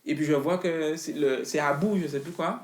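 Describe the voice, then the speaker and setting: A man's voice: on the high side, normal speed, slight background noise. Rambling man in a roomy room. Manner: loose, rambling, slangy, many restarts. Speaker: rapper, interview guest. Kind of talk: casual interview chat. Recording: roomy echo.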